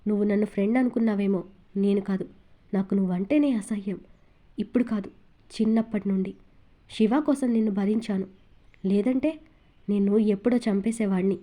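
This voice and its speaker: A woman's voice: mid-range voice, fairly quick, pauses often, dark tone, lightly acted. A woman voicing Kaushal, a contemptuous villain. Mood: furious. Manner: harsh, contemptuous. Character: ruthless jealous young man, obsessive villain.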